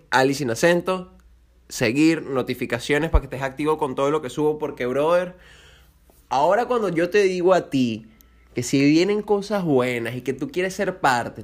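A young man chats alone on his podcast in a slightly high voice. He rambles from one aside to the next, swearing freely and cutting himself off mid-word to restart. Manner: rambling, crude and joking, with self-interruptions. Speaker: podcast host. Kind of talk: casual solo podcast chat.

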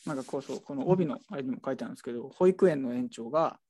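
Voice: medium pitch, very fast, a little hiss or hum. A bookshop staffer chatting casually while showing shelves, rambling with many fillers. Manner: animated, rambling, full of fillers. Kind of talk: casual chat.

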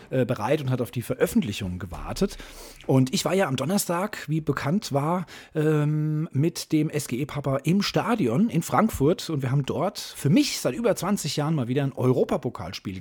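A middle-aged man hosting a solo podcast, chatting casually and self-mockingly in a hoarse, rough rasp that breaks on high notes. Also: dark tone. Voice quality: raspy, rough gravelly voice. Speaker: podcast host.

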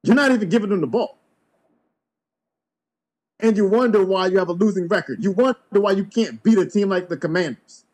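A man's voice: sits high, fairly quick, pauses often, darkish tone. A man hosting a sports podcast, giving blunt, emphatic opinions. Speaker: podcast host.

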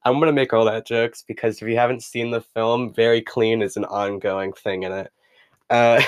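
A man's voice: on the low side, no room sound. A young man hosting a casual solo podcast, rambling with many fillers and reading passages aloud from a book. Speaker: podcast host.

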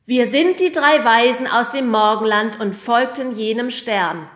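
A woman voicing an earnest schoolboy who loudly announces his lines as a wise man, in a storybook reading. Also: fairly high pitch, echoey room, voice pushed up, lightly acted. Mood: announcing. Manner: slow, loud announcing.

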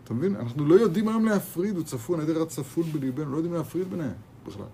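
A man's voice: on the high side, lively intonation, gravelly, dark tone, slight background noise. A man teaching a Torah class to his students in a kollel, speaking animatedly, repeating phrases and asking rhetorical questions. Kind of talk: lively Torah lesson with students. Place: kollel study hall.

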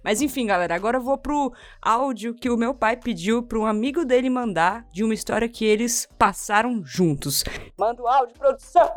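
A woman hosting a podcast, chatting to listeners in a relaxed, slangy way. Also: on the high side, fairly quick, hardly any pauses, no room sound. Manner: relaxed, slangy, addresses the audience directly. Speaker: podcast host. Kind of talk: casual podcast chat.

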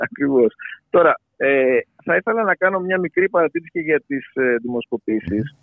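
Halting man analyst on a phone line. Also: medium pitch, very animated, vocal fry, no room sound. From Greece. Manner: halting, searching for words. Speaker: pollster and election analyst giving an interview. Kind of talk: spontaneous political analysis in an interview. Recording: tinny, band-limited phone line.

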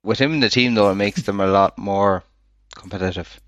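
A man's voice: on the low side, a little fast, fairly bright tone, dry recording. A man co-hosting a sports podcast, making blunt, short remarks in casual chat. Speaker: podcast co-host.

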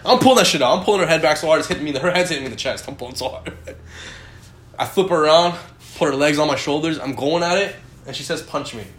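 Fast-talking man telling crude stories. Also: a little high, fairly bright tone, echoey room. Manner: laughing, storytelling, profane. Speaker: podcast co-host. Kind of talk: crude casual chat.

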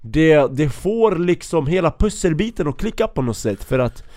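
A man's voice: on the high side, big pitch swings, a little mellow, no room sound, clean studio sound. A young man hosting a casual interview, curious and asking follow-up questions in slang. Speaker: podcast host.

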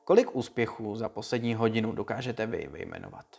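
A man giving a calm, measured read-aloud talk to listeners, like a short lesson. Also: fairly low pitch, creaky, breathy edge, faint music behind. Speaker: speaker giving a motivational talk.

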